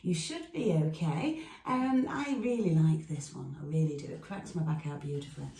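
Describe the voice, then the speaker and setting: This woman instructor guides stretching from home with a dog close at hand, keeping a chatty tone and frequent asides between cues. She speaks at normal speed in a low-pitched, warm voice with vocal fry. The room echoes and the mic is distant.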